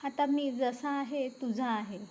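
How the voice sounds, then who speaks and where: A patient young husband with a soft, coaxing way of talking, as a woman reader puts him on. He pleads gently and steadily. The voice sits a little high. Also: slow pace.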